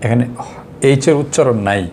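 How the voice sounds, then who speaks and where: A man's voice: medium pitch, brisk, darkish tone, slight background noise. Patient Bangladeshi man teaching grammar. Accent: Bangladeshi Bengali. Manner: patient, asks questions then answers them. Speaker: English teacher. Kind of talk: explaining grammar to students.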